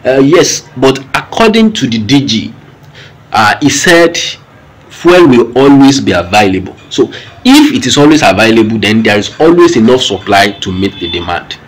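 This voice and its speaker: Lively Nigerian man explaining the news. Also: medium pitch, moderate pace, low-quality recording. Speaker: commentator. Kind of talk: news commentary.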